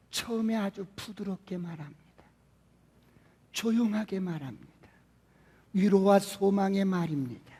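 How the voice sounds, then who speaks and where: A male pastor preaching a sermon, asking many rhetorical questions and swinging between quiet and loud. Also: high-pitched, gravelly. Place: church sanctuary. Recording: long church hall reverb.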